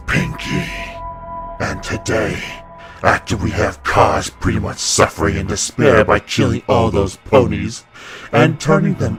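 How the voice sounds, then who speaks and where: With a voice that sits low, a male actor plays a wicked, ancient winged serpent spirit in a comic cartoon dub, taunting and gloating theatrically.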